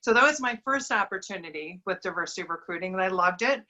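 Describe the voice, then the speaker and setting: A middle-aged Wisconsin woman who owns a diversity recruiting business guests on an interview podcast, talking at length in a Wisconsin accent. Her medium-pitched voice is expressive, quick, bright and forceful, and she is upbeat and talkative with frequent affirming murmurs.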